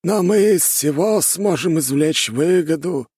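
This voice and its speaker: A cunning old elder , put on by a male narrator, speaks in a high, husky, drawn-out voice. He is sly and measured and sounds sure of his schemes. The audiobook recording is dry. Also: lively intonation, a little mellow, dry recording. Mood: scheming.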